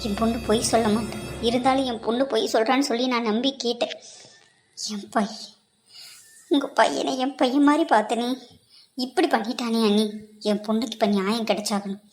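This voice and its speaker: A woman's voice: on the high side, fairly quick, long pauses, a little mellow, soft background music, natural voice. A woman voicing a middle-aged aunt in a cartoon drama, who laments and defends her son. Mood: distressed. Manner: distressed, pleading, lamenting.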